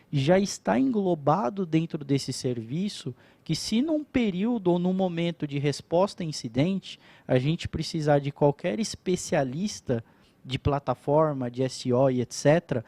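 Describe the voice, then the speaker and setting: At an event stage in his company's office, a man presents the firm's cybersecurity services, addressing the audience in a casual, explanatory corporate presentation. His voice is a little high and mellow, and the recording is dry.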